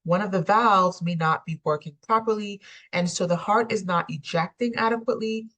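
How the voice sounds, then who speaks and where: A woman's voice: fairly low pitch, fairly bright tone, poor audio. A woman lecturing on anatomy, explaining steadily with frequent ums. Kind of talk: recorded lecture.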